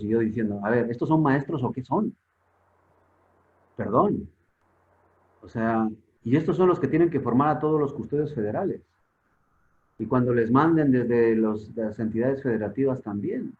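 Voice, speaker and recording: Through tinny, phone-like video call audio, a man from Spain lectures conversationally as a public security expert in an online forum. He speaks in a mid-range voice, pressing his points with rhetorical questions and repeating words while he hunts for phrasing.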